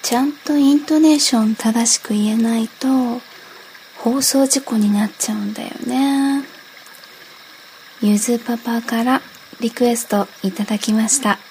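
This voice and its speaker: A woman's voice: on the high side, a little slow, a little mellow, a little hiss or hum, low-quality recording. A woman from Okayama hosting a casual radio talk, reading listener requests and explaining dialect phrases by reading example lines aloud. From Okayama, Japan.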